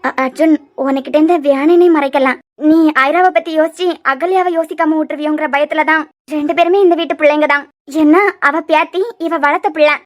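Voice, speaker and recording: A woman's voice: high voice, steady tone, fairly quick, voice pushed up, close to an everyday voice. A woman voicing a stern, indignant mother in a cartoon serial, with a Kanyakumari Tamil accent. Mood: scolding. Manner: scolding, indignant.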